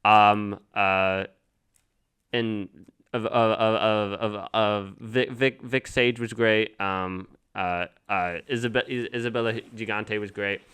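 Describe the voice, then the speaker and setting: Smooth-voiced man, halting chat. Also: on the low side, steady tone, a bit bright. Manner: halting, full of restarts and repeated "like". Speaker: podcast co-host. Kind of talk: casual chat.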